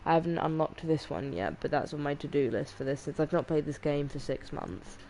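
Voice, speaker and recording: Young-sounding woman streamer, low and mellow voice, tired monotone commentary, faint noise behind. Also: brisk. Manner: monotone, rambling with restarts and apologies. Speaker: gaming streamer. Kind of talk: casual gameplay commentary.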